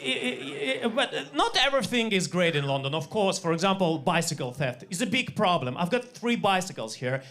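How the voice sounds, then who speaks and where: Russian-accented man, halting stand-up. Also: high-pitched. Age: 40s. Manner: halting deadpan delivery with many fillers and restarts. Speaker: stand-up comedian. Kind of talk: stand-up comedy set. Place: comedy club stage.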